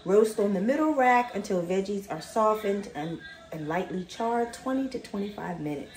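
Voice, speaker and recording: In a casual cook-along vlog, a middle-aged woman reads recipe steps aloud and chats to a camera placed on her kitchen counter at home. She speaks at a moderate pace in an expressive, mid-range voice with a darkish tone. The recording carries a roomy kitchen echo and a little hiss or hum.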